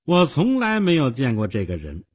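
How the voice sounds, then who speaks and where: A man with a husky voice voicing an arrogant, long-haired young male ticket clerk in a radio story reading. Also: medium pitch, sing-song, measured pace, full character voice. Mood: cocky. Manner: cocky, then stammering when frightened.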